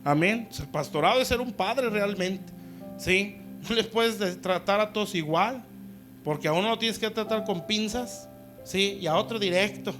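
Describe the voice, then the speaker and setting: A man's voice: high-pitched, moderate pace, over music. A male pastor preaching conversationally, often checking in with "¿sí?" and acting out quoted voices. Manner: acts out quoted voices in dialogue. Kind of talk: sermon. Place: church service.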